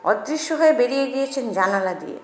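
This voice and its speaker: Grumpy old hotel manager guy, scolding, kinda high voice, echoey room, a lady reading it. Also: animated, fast, a little hiss or hum, lightly acted. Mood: blustering. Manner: blustering, scolding. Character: grumpy stingy older male hotel manager.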